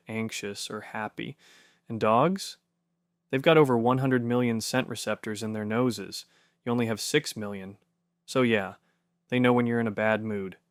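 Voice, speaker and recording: A man giving scripted narration for an explainer video, punchy and conversational with quick rhetorical questions. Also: lowish voice, dry recording, clean studio sound.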